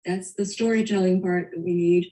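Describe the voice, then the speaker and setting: A woman critiquing photographs as a competition judge, thoughtful and hesitant with frequent pauses. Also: lowish voice, steady tone, warm tone. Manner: hesitant, thoughtful, with many ums. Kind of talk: spoken critique. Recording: distant mic.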